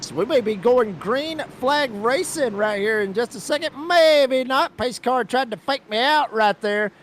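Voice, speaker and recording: A man's voice: extremely high pitch, lively intonation, unhurried, fairly bright tone, a little hiss or hum. A man calling a race as lead commentator, with folksy, announcer-like play-by-play.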